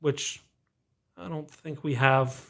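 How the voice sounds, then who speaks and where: A man hosting a casual podcast, animated and telling stories with acted-out dialogue. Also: a little high, slow, creaky. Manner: animated storyteller who acts out quoted dialogue. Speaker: podcast host.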